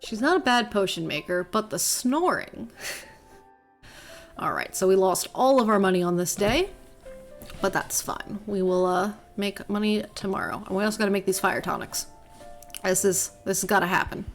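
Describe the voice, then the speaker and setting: Woman streamer, casual running commentary, mid-pitched, faint music underneath. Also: steady tone, moderate pace. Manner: chatty, thinks aloud with fillers. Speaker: game streamer.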